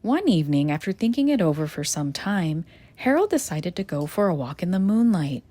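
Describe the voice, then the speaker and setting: A woman reading a children's picture book aloud in a gentle, expressive storytelling manner. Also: lowish voice, a little fast. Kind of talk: children's read-aloud narration.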